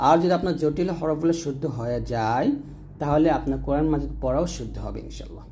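A man's voice: a little high, lively intonation, warm tone, a little hiss or hum. Man teaching Quran letter pronunciation. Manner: demonstrates letter sounds slowly and repeatedly; plain explanatory teaching talk. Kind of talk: pronunciation lesson.

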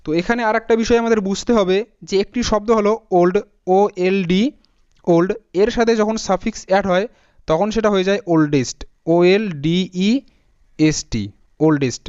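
A man teaching an English spelling lesson, spelling words out letter by letter in a steady explaining manner. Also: high voice, a little fast, clear, resonant tone. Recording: dull lo-fi audio.

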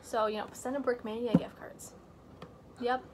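This teenage girl's voice sits on the high side, and her delivery is flat at a moderate pace as she hosts a casual vlog from a room at home with shelves, recorded on a computer camera mic with a noisy background. Chatty and joking, she makes self-mocking asides and lowers her voice to a whisper for close-up showing.

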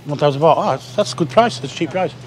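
A man in his fifties with a slightly high voice talks quickly as he strolls a busy city street for his vlog, casually pointing out shops and bars like a walking tour guide. He records on a handheld or worn action camera, and background music plays under the street sound in this low-quality recording.

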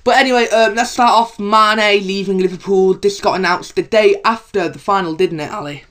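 A man's voice: high voice, moderate pace, fairly bright tone. A man co-hosting a casual football podcast. He rambles, with many fillers and restarts. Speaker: podcast co-host.

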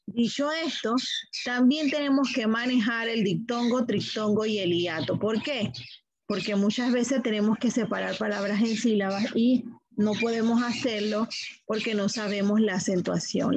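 A woman's voice: medium pitch, muffled recording. A middle-aged woman teacher giving a classroom grammar lesson, asking the class questions and answering them herself.

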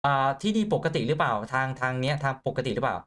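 A man's voice: mid-range voice, animated, racing, fairly bright tone, close to an everyday voice. A man reading out a suspicious night-patrol cop. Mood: questioning. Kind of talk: reading game dialogue aloud.

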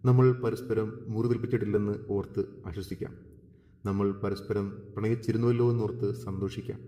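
A man voicing a gentle husband who calmly asks to part from his wife, speaking slowly and softly. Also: fairly low pitch, natural voice. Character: gentle husband ending a marriage, adult man. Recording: reverberant room.

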